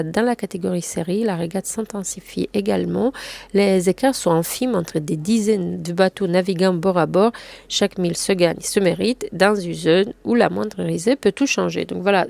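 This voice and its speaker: A woman with a French accent hosting a casual sailing news roundup, talking fast with many fillers and restarts. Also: medium pitch, vocal fry, a little mellow, no room sound. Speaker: sailing news video host.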